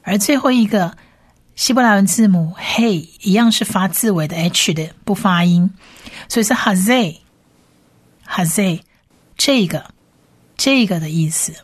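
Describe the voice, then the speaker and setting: A woman's voice: mid-range voice, husky. A woman giving a language lesson, spelling out letters and repeating each word patiently. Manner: patient, drawn-out repetition of sounds. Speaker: Hebrew teacher.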